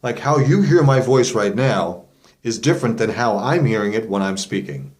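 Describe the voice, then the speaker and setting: A vocal coach hosts an instructional video, explaining things step by step to camera in a casual, demonstrative way. His lowish, darkish voice is animated and moves at normal speed.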